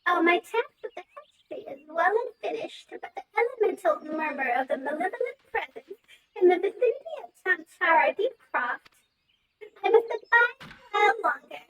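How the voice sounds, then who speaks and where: A woman's voice: very high-pitched, animated, normal speed, fairly bright tone, a little hiss or hum, voice pushed up, poor audio. A woman using a voice changer to voice an old witch in a game, speaking in stately, archaic phrases. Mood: solemn. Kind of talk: game voice acting.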